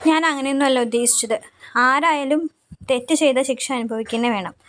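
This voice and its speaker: A woman's voice: sits high, brisk, fairly bright tone. A woman casually retelling a TV serial episode, quoting the characters in a chatty way. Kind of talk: casual spoken recap of a TV serial.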